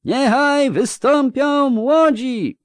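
A man's voice: fairly low pitch, sing-song, measured pace, darkish tone, no echo, voice pushed up. A man voicing a portly, pompous court chamberlain who speaks formally and pedantically about etiquette. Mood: proclaiming loudly.

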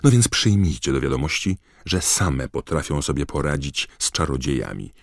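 A man's voice: extremely low pitch, animated, normal speed, no room sound, studio quality, full character voice. A man voicing a clever, indignant teenage schoolgirl witch in an audiobook, lecturing and biting. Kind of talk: audiobook character voice.

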